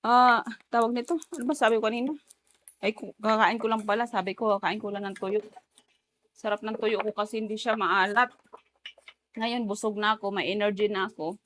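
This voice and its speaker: A woman's voice: mid-range voice, steady tone, a little fast, fairly bright tone, slight background noise. A woman, chatting casually in a home vlog, mixing in English phrases with giggly asides. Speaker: vlogger.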